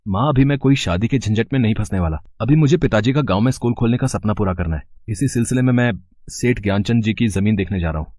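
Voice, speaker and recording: A man's voice: lowish voice, fast, darkish tone, dry recording, studio quality, close to an everyday voice. Man voicing a firm, earnest young hero. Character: upright young village man, protective. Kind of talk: storybook cartoon voice acting.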